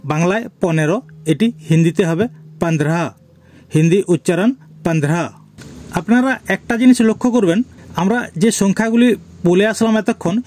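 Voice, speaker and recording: A man teaching a spoken language lesson, saying each word slowly, repeating it and spelling out its letters. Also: sits high, a little mellow.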